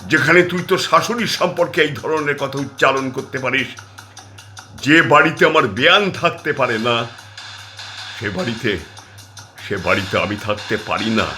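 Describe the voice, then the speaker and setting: A man's voice: mid-range voice, normal speed, long pauses, sharp tone, faint music behind, lightly acted. A man voicing an older mother who sternly and reproachfully scolds her daughter. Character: stern indignant old mother.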